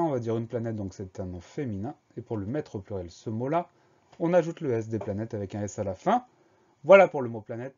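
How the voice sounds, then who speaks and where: A man teaching a dictation lesson, slowly and methodically spelling each word letter by letter. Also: mid-range voice, mellow, dull audio.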